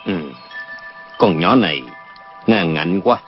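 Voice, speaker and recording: A man's voice: deep voice, takes it slowly, soft background music. An actor playing a kind, indulgent middle-aged father in a martial-arts story, in a dull lo-fi recording with faint noise. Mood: sheepish.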